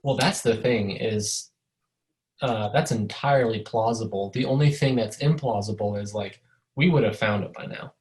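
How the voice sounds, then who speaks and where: This lowish male voice moves at a normal pace with a slightly mellow quality, captured in a low-quality recording. He's a podcast co-host chatting casually, rambling, joking and swearing. He's connected through a video call running over a mobile hotspot.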